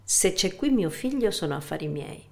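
A woman's voice: fairly low pitch, expressive, moderate pace, creaky. A woman reading as a bitter, suspicious grown son. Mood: accusing. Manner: sharp, accusing questions.

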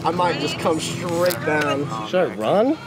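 A playful young man jokes around with friends on a lakeside dock, his fairly high voice bouncing up and down. He talks at an unhurried pace while loud music plays behind him. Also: animated. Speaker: friend on the trip. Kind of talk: casual banter. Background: loud background music.

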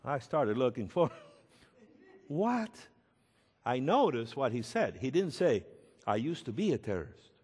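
Slow, emphatic preacher man in a hall. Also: medium pitch, big pitch swings, husky. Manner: storytelling preacher, slow and emphatic, rising to shouts. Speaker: pastor. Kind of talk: sermon. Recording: echoey hall with long reverb.

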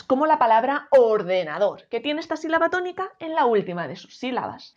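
A woman teaching a grammar lesson, slowly spelling out syllables. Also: on the high side. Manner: clear, drawn-out syllables for teaching. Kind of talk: explaining a Spanish grammar lesson. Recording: dull lo-fi sound.

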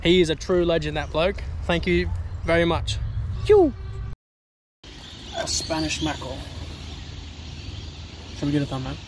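A man's voice: fairly high pitch, lively intonation, a little slow, long pauses, noisy background. A young man talking casually to the camera outdoors in the bush, laid-back and slangy. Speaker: vlog host. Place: outdoors in bushland.

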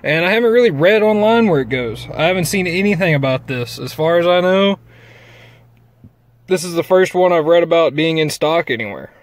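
A man's voice: on the high side, animated, fairly quick. Folksy man filming his truck. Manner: rambling, folksy, with fillers and restarts. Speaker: vlogger reviewing truck accessories. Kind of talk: casual walkthrough vlog. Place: inside a pickup truck and outdoors by a trailer.

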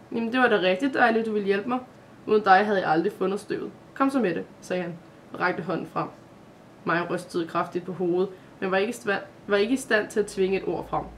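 A reader narrating a dramatic fantasy Christmas calendar story for children, in a steady, scripted storytelling voice. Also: medium pitch, slight background noise.

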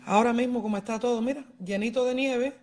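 A middle-aged woman with a Cuban accent talks fast in a slightly high voice with a darkish tone. As a livestream host she chats casually and directly with viewers, emphatic and repetitive. She's speaking from a large living room at home through a wired earphone mic.

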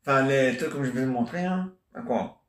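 Medium-pitched and moderately paced, this amateur solo stage performer delivers a rambling comic monologue off the cuff. He talks chattily to imagined listeners, tacks on questions, and keeps saying "hein?" and "ah ouais", with an echoey room around him.

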